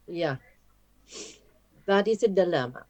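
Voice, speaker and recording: An older woman giving a webinar lecture with slow, deliberate phrasing and frequent pauses, her voice worn and hoarse. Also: lowish voice, darkish tone, no room sound. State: losing her voice, coughing. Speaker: webinar speaker on curriculum. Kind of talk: online lecture and Q&A. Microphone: video call.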